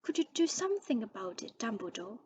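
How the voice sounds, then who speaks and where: A woman reading aloud as a stern elderly female witch professor, speaking in sharp, hushed tones. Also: on the high side, big pitch swings, a little fast, breathy edge, lo-fi sound, heavily acted. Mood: hushed urgent.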